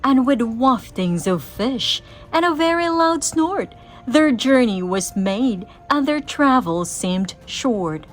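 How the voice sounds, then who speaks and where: Woman, children's storyteller, theatrical, unhurried pace, lively melodic range, rhyming read-aloud. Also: a little high, faint music behind. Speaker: storybook reader.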